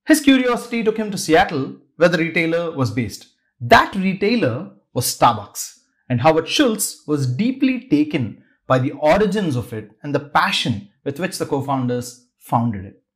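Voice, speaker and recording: A man's voice: a little high, very animated, moderate pace. A man hosting a podcast, narrating a scripted story with dramatic, varied pacing. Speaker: podcast host.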